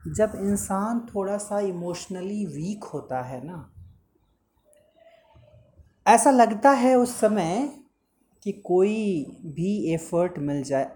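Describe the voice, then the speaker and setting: A woman's voice: on the low side, animated, takes it slowly, warm tone. A woman teacher reading a story aloud and explaining it, stopping to ask and answer her own questions and to explain word meanings, with English words mixed in.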